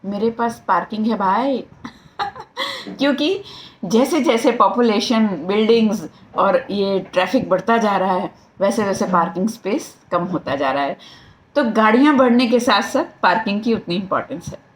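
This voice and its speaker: Middle-aged Indian woman, life coach, lively motivational talk, English phrases mixed in. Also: mid-range voice, moderate pace, a little hiss or hum, low-quality recording.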